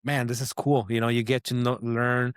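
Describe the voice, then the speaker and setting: A designer from Mexico, a native Spanish speaker with a heavy Mexican Spanish accent, appears as a guest in a casual interview and tells a rambling story full of fillers and restarts. His medium-pitched voice is flat and clean at normal speed, recorded dry with clean studio sound.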